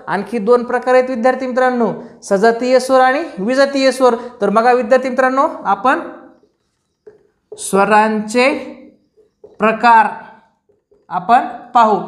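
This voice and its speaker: A man's voice: very high voice, fairly bright tone. A male teacher giving a grammar lesson for exam students, repeating terms and asking the class questions. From Maharashtra, India. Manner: repetitive, drilling, questions to students.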